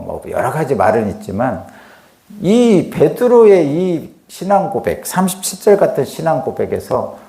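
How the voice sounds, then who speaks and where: A man's voice: on the high side, vocal fry, a little mellow, echoey room. A middle-aged male pastor preaching a dawn sermon in a conversational way. He acts out dialogue and asks rhetorical questions.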